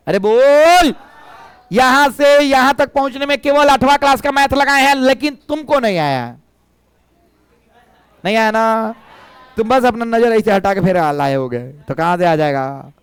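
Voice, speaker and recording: Bihari-accented male physics teacher, slightly hoarse, prods and teases his class, crisp and dry. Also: high-pitched, measured pace, no echo. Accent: Bihari Hindi. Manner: teasing, coaxing students to answer. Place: classroom with students.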